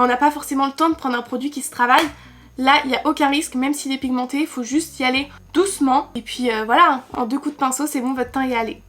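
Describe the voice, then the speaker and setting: In her beauty vlog, a young woman from France talks makeup with her viewers directly, bubbly and full of chatter. Her voice is high and a little bright.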